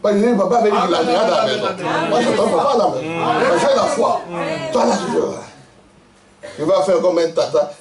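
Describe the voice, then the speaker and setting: High, lively preaching man in an echoey church. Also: moderate pace, a loud crowd. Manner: animated storytelling, laughing, acting out characters. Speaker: pastor. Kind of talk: lively sermon with congregation responses. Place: church in Brussels.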